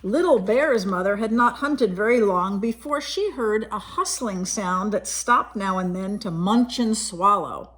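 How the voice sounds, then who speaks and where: A woman with a medium-pitched voice tells a picture-book story to little kids, reading with expression and pausing now and then to describe the illustrations and ask questions.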